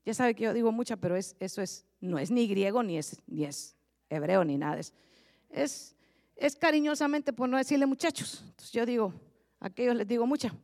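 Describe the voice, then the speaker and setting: A woman pastor preaching a lively sermon, switching from quiet asides to loud, rising exhortation. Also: a little high, fairly quick, long reverb tail. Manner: animated, swings from soft asides to loud preaching.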